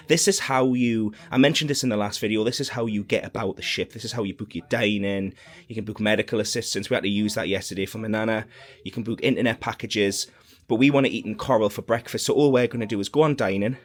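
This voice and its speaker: A young man chatting casually in a travel vlog on board a cruise ship, self-deprecating and laughing often. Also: on the low side. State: out of breath at times. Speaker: cruise vlogger. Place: aboard a cruise ship, outdoor deck and corridors.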